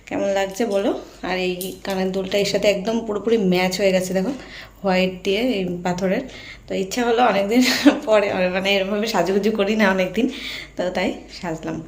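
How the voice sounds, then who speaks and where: A young Bengali woman from India, chatting casually to her viewers in a home vlog, her voice a little hoarse from a sore throat. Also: mid-range voice, fairly even intonation, normal speed. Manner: chatty, addresses viewers directly with fillers. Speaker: vlogger. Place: at home, in and out of doors.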